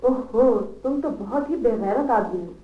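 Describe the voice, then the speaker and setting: A woman's voice: sits high, level tone, brisk, recorded from a distance. An actress playing an indignant woman scolding a caller over the telephone. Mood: furious. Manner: sharp and scolding. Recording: tinny phone line in an echoey room with music.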